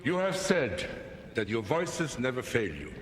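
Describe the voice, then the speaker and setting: A man playing a grave, calculating medieval inquisitor, speaking in a measured, formal, insinuating way in a film drama. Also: mid-range voice, sing-song, in a large hall, slight background noise. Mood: solemn, questioning.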